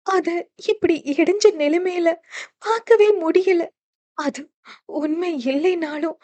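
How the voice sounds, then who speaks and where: A woman's voice: very high voice, a little mellow, no echo, voice pushed up. A woman voicing a frightened young wife who speaks through sobs in a shaky, tearful voice.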